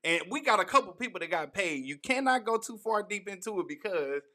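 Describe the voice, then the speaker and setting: A man hosting a casual sports podcast in a playful, bantering way. His voice sits a little high and rings bright and forceful. He runs the show with a loose, joking energy. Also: lively intonation, a little fast. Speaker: podcast co-host.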